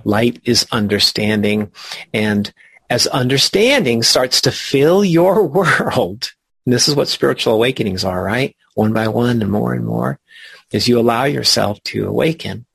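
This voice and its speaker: Slow gravelly man leading a study group. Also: mid-range voice, expressive, fairly bright tone, dry recording. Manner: slow, reflective, emphatic teaching. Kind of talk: spiritual study discussion.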